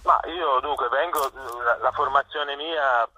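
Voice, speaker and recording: This visual artist, a middle-aged man, has a husky, mid-range voice with a sharp tone and an unhurried delivery. Interviewed over dull, phone-like radio audio, he speaks conversationally but hesitates and repeats himself while searching for words.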